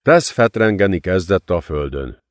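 A man's voice: sits low, expressive, no echo, clean studio sound. A man reading an audiobook with dramatic narration. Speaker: audiobook reader.

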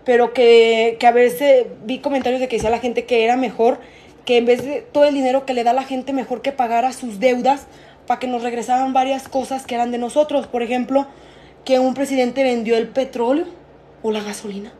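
A woman's voice: on the high side, fairly even intonation, fairly quick, mellow, slight background noise. A young Mexican woman chatting casually on a live stream from home, rambling and swearing freely. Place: at home, alone.

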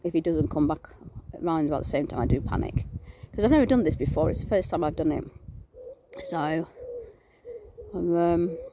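Out in her garden, an animal-rescuing vlogger records herself on a phone, talking loosely and meandering with frequent fillers. She has a warm, lowish voice, and a little hiss or hum sits under the recording.

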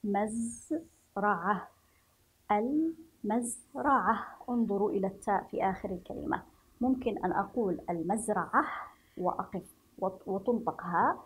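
Husky woman teaching young children. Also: medium pitch, darkish tone, rough recording. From Yemen. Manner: slow, clearly spelled out, questioning the class. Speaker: primary school teacher. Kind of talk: children's reading lesson.

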